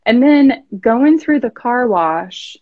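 Woman, thirties, podcast guest, unhurried, reflective, dry muffled sound. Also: a little high, animated, a little mellow, no room sound. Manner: slow, reflective, repeats herself. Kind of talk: casual chat.

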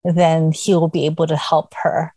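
Woman co-host, lowish voice, kinda hesitant and musing, dry mic. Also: level tone, moderate pace, mellow, slightly rough, no echo. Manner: hesitant, musing, filler-heavy. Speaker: podcast co-host. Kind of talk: casual fan chat.

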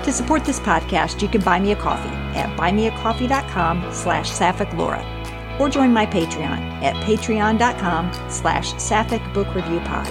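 Woman podcast host with a mid-pitched voice, reading announcements with music bed underneath. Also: animated, normal speed. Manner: warm laughing banter, then scripted announcements. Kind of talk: casual podcast chat and sign-off.

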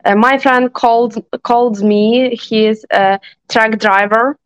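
Young Ukrainian woman, halting English. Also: a little high, steady tone, clean tone, no echo, lo-fi sound. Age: 20s. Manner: halting non-native English with frequent "uh" pauses. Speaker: guest. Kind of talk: podcast interview.

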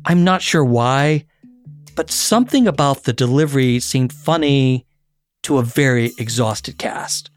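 A middle-aged actor narrating his own story in a measured, reflective way with a wry edge. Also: mid-range voice, faint music behind. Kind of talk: scripted memoir narration.

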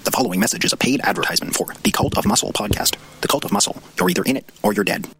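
A man plays a gruff, menacing ad announcer. The voice is very raspy and gravelly, racing along in a lowish register. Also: very animated, racing, a bit bright, exaggerated voice. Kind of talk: advertisement announcer.

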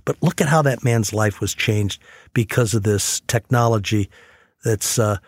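The host of a faith radio program tells stories conversationally and earnestly. His voice is on the low side and unhurried, captured in studio quality with no echo.

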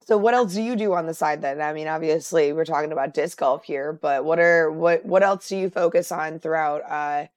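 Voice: mid-range voice, a little fast, hardly any pauses, no room sound. A podcast host asking friendly, rambling questions in a casual interview.

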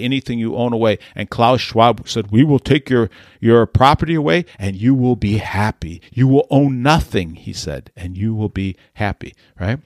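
A man's voice: mid-range voice, gravelly, no room sound, clean studio sound. A man hosting a religious podcast, speaking emphatically in a preachy manner with frequent restarts and fillers. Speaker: podcast host.

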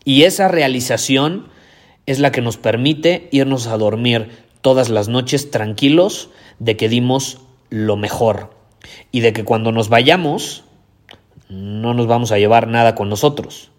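A man hosting a podcast, delivering a motivational monologue at a mid-range pitch. He speaks emphatically, drives points home by repeating phrases and drops casual swear words. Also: a little slow. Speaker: podcast host.

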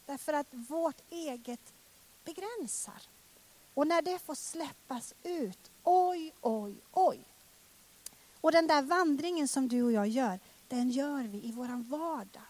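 Delivering her testimony as a sermon, this woman in her thirties speaks in a voice that sits high. Her preaching is dramatic and full of emotion, moving from loud outbursts to near whispers.

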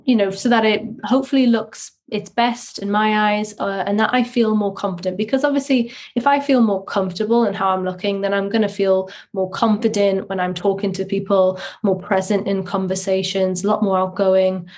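Woman podcast host on low-quality audio. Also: fairly even intonation, normal speed, few pauses, darkish tone. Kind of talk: casual solo podcast talk. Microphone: faulty microphone.

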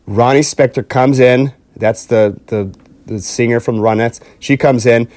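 A man's voice: medium pitch, fairly even intonation, a little slow, a little mellow, dry recording. Rambling casual male storyteller, dry sound. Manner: rambling, lots of fillers and restarts, acts out quotes. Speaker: podcast host.

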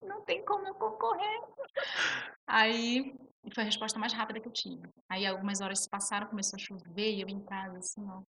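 A woman's voice: medium pitch, level tone, fairly quick, pushed and bright. A woman with a Brazilian Portuguese accent, a musical theatre actress telling her story expressively in an interview.

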